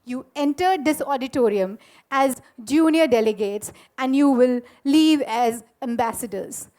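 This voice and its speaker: A woman giving a measured, earnest formal address to conference delegates in a school auditorium. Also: high voice, a little mellow.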